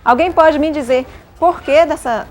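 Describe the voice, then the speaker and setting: A Brazilian woman teaching a class of pupils, patiently asking guiding questions and filling her pauses. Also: high-pitched, a little mellow. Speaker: schoolteacher.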